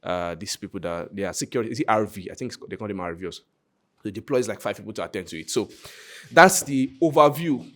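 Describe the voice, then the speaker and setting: Animated and fast, with a fairly low pitch, the Nigerian content creator pitches his hackathon project in an informal live session. He jokes around and speaks to his listeners directly.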